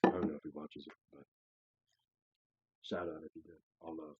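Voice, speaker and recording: Young male podcast host, husky and dry, tells stories loud and animated. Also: very deep voice, moderate pace, no echo, dull audio. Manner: animated storyteller, acts out quotes, swears, laughs often. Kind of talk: casual chat.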